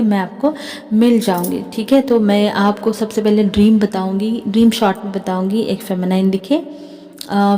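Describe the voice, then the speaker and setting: A woman with an Indian accent shares spiritual guidance and dreams in a chatty talk to camera. Her voice is mellow and unhurried in tone, and it trails off into a long reverb. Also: mid-range voice. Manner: chatty, keeps adding "theek hai". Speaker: spiritual healer and tarot reader.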